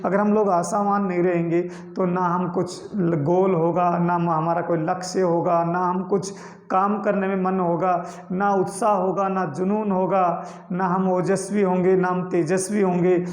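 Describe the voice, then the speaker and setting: High-voiced male teacher in an echoey classroom. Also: flat delivery, a little mellow. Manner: repeats key terms slowly, mixing English words into Hindi. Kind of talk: classroom lecture explaining a poem. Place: classroom with a board.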